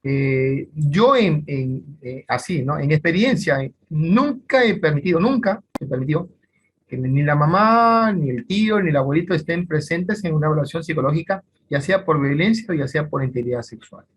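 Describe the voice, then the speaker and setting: A man's voice: on the high side, lively intonation, normal speed, a little hiss or hum. A man with a Peruvian Spanish accent lecturing on forensic psychology in an online class, rambling with many fillers and restarts.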